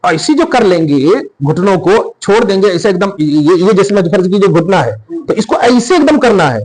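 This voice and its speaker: A man's voice: high-pitched, animated, normal speed, a little mellow, rough recording. A man explaining religious practice step by step in a podcast, emphatic and checking that the listener understands. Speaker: Islamic scholar teaching prayer. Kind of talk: religious instruction in a podcast conversation.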